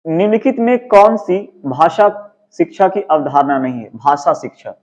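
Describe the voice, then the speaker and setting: Animated and somewhat high-pitched, this male teacher speaks at normal speed with a darkish tone and a Hindi accent from Bihar, while the recording's highs are cut off. He walks through exam answers, asking his own questions and answering them.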